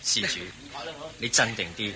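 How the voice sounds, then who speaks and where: A man's voice: mid-range voice, big pitch swings, a little slow, vocal fry. A man playing the Buddha in a Cantonese radio drama, a compassionate and commanding sage. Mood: calm, reassuring. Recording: noisy radio drama with outdoor ambience.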